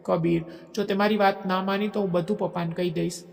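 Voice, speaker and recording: A man's voice: high-pitched, level tone, fairly quick, gravelly. A man voicing a frightened but defiant young woman in a storybook drama, pleading and raising his voice. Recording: echoey long reverb.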